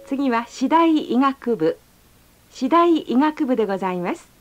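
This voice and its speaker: A woman reading a polite, formal onboard train announcement, slowing down to stretch out each station name. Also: high-pitched, lively intonation. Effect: recorded onboard train announcement. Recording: slightly dull lo-fi sound.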